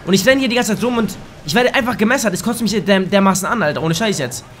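A young man giving crude, excitable let's play commentary in a slightly hoarse voice, now and then bursting into shouts. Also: high voice, fast, slight background noise. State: a bit hoarse. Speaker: gaming YouTuber. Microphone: desk microphone.

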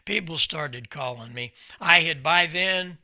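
His voice is on the high side, unhurried, pushed and bright, with no room sound: an older American man in his 70s or up, a presenter and company founder giving an informal, folksy and emphatic storytelling talk. He's seated at a desk in a small indoor ham radio room, close on a desk microphone in front.

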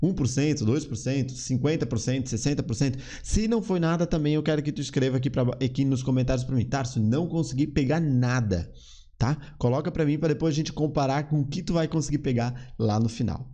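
A man's voice: mid-range voice, quick pace, hardly any pauses, dark tone. A man from Brazil, teaching English in a chatty way and repeating words to drill pronunciation. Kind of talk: casual online English lesson.

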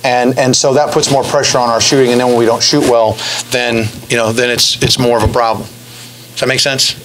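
A middle-aged man, a basketball coach, answering press questions after a game, halting with many fillers and restarts, speaking into a podium stand mic. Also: medium pitch, level tone, fairly bright tone, slight background noise, low-quality recording. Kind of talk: post-game press conference. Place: press room in front of a backdrop.

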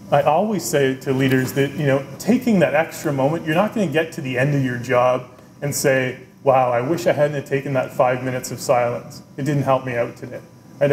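A middle-aged man, dean of a business school, giving a conversational keynote at a podium and often checking in with "right?". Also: medium pitch. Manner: animated, conversational, often adds "right?", gestures with both hands. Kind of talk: keynote speech. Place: lecture room, at a wooden podium, indoors. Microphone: podium microphone. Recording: roomy lecture-room sound, faint background noise.

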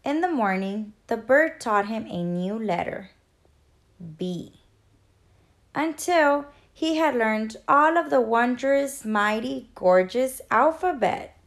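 A woman teacher reading a children's picture book aloud in an expressive, gentle storytelling manner. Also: fairly high pitch, takes it slowly, hardly any pauses.

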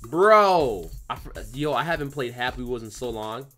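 A man doing let's play commentary, excitable and yelling at the game. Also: mid-range voice, moderate pace, faint music behind. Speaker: gamer.

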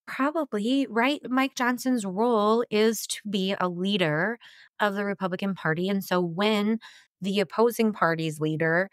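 A woman's voice: medium pitch, dry recording, studio quality. A woman co-hosting a political podcast, talking casually and restarting her thoughts as she goes. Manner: conversational, quick asides and restarts. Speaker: podcast co-host.

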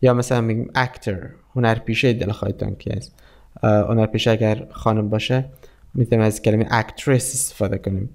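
A man teaching an English lesson, explaining in Persian and reading English text aloud very slowly. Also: lowish voice, fairly even intonation, gravelly, darkish tone. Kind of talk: language lesson.

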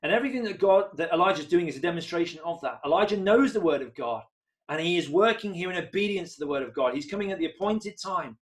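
Casting: man in his thirties, slightly high voice, earnest home-recorded sermon with bursts of excitement. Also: quick pace. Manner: earnest, rises to excited emphasis on key points. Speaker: preacher. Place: home room, indoors.

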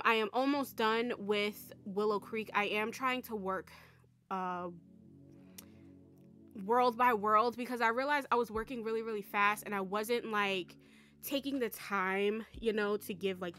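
A bright, sharp-toned woman with a slightly high voice chats excitedly to her viewers in a loose, rambling vlog. She piles on slang and casual swearing as she talks. Soft music plays faintly underneath. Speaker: Sims content creator.

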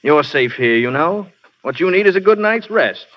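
An actor playing a wry gentleman hero. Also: fairly high pitch, animated, moderate pace, close to an everyday voice. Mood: wry, soothing. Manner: easygoing and wry. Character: calm, wry gentleman caught up in a spy plot. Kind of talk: 1930s radio drama acting. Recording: dull old radio broadcast.

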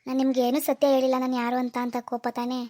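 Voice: high voice, completely flat delivery, rapid-fire, warm tone, dry recording, clean studio sound, close to an everyday voice. A performer playing a young rich man's son who hid his wealth, coaxing and pleading with his fiancée on the phone. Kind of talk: amateur phone-call drama.

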